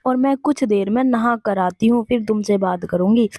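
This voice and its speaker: A woman voicing a small, kindly female sparrow in a children's storybook, talking in a lively way and repeating her words. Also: a little high, normal speed, no echo, studio quality, close to an everyday voice. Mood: welcoming.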